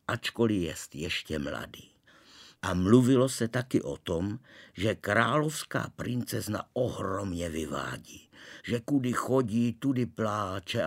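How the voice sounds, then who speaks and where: A man reads a humorous children's story aloud with lively expression. His voice sits low and warm. He narrates with playful, storyteller timing. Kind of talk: storytelling reading of a children's novel.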